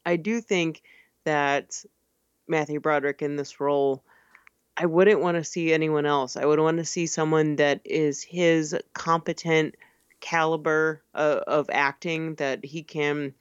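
A woman's voice: low-pitched, fairly even intonation, measured pace, clear, resonant tone, dry recording. A woman co-hosting a podcast, chatting casually about a film with frequent laughs and fillers. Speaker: podcast co-host. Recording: slightly dull lo-fi sound.

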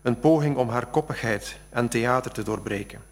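A man, an author, reading a passage from his novel aloud after explaining it with halting speech. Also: medium pitch. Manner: halting, with many fillers when talking freely.

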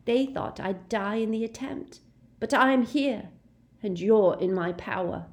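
A woman's voice: a little high, a little slow, darkish tone, pitched above the performer's own voice, natural voice. A woman voicing a frightened teenage boy who tries to sound tough. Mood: boastful. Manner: tense, trembling, boastful.

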